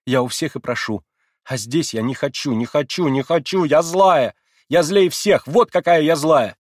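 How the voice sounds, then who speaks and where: A man reading aloud and voicing a distraught, defiant young orphan girl who shouts and sobs. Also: normal speed, dry recording, clean studio sound, close to an everyday voice. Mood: furious. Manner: shrill, sobbing, shouting outbursts.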